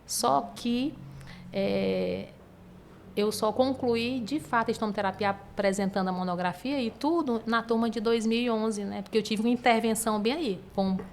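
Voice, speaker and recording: Calm, measured woman nurse. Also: on the high side, vocal fry, slight background noise. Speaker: stomatherapy nurse guest. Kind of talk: interview storytelling.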